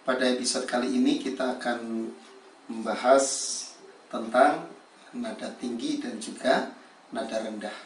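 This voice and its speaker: A man teaching Quran recitation melody, explaining pitch steps slowly and then demonstrating them in a sung melody. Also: reverberant, far from the mic, a little hiss or hum. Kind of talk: slow spoken lesson with sung recitation examples.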